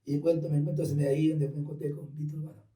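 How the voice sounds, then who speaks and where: Man, testimony guest, animated storyteller, higher voice, mellow tone, roomy off-mic sound. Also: racing, distant mic. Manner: animated storyteller acting out dialogue. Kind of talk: personal testimony in conversation.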